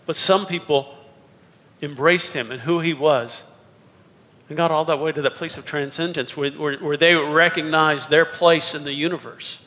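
Bright-voiced pastor in a reverberant hall. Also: male voice, on the high side, steady tone, moderate pace. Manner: conversational, with frequent restarts. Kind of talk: sermon. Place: church sanctuary.

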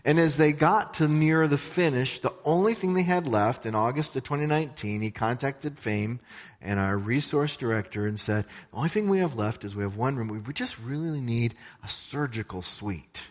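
Man, church talk, conversational storytelling, mid-pitched voice, long hall reverb. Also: expressive, moderate pace. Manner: storytelling, conversational, with asides to the audience. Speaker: missions organization representative speaking at a church. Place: church sanctuary.

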